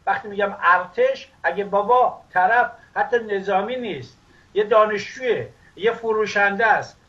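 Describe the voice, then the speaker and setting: An older man from Iran hosting a political talk show, speaking in impassioned, emphatic bursts. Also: high voice. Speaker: host. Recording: dull lo-fi sound.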